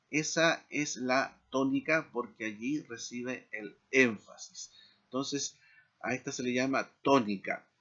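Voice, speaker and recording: A man teaching a seminary Hebrew lesson in a slow, deliberate lecture style, checking in with short tag questions. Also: mid-range voice, fairly bright tone, dull audio. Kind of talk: recorded lecture.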